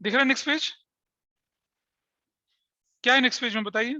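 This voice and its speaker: A male teacher lecturing a class with a bright, forceful voice. He checks often that the students are following. The recording is dry and slightly dull. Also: very high-pitched, a little fast, no echo. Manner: explains step by step with frequent checking questions to students; mixes Hindi with English terms.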